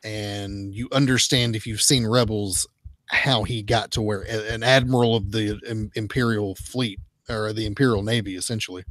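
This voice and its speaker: A man's voice: on the low side, fairly even intonation, normal speed, fairly bright tone, no echo, clean studio sound. A man co-hosting a comic book podcast, recapping a story in casual chat with lots of fillers and restarts. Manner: rambling, many fillers and restarts. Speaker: podcast co-host.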